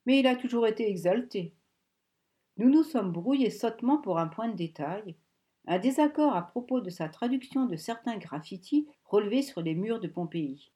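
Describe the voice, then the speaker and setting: A woman reading a Swedish academic man, chatty, reassuring, warm tone. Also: fairly high pitch, expressive, moderate pace, close to an everyday voice.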